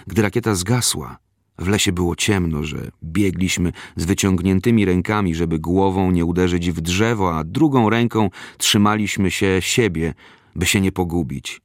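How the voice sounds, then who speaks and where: Deep gravelly male narrator, dry sound. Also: moderate pace, no echo. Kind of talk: scripted memoir narration.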